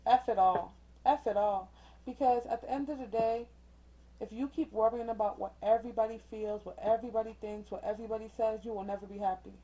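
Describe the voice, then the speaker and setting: A woman with a mellow, darker tone runs a casual card reading at home, talking straight to her viewers. She is chatty and encouraging, and she keeps checking in with a quick "okay?". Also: on the high side, fairly even intonation, lo-fi sound. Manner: chatty and encouraging, uses slang and mild cussing substitutes. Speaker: tarot reader. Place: indoors with a ring light.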